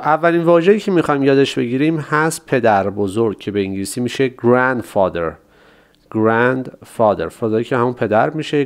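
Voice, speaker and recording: A man teaching English family words to learners, politely, drawing out each word slowly for them to repeat. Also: mid-range voice, vocal fry. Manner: slow, drawn-out repetition of words for learners; polite, formal greeting. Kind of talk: vocabulary lesson.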